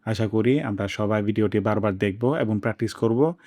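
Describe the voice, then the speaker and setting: A man teaching the pronunciation of letters, explaining mouth positions and drawing each sound out slowly for students to copy. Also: lowish voice, dark tone. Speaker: Quran recitation teacher. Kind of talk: pronunciation lesson.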